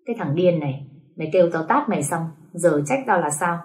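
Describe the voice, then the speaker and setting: A cold young lord who teases and claims his wife in a slow, low murmur, as a woman reads him in a story. The voice sits a little low. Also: expressive, lightly acted. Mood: brusque.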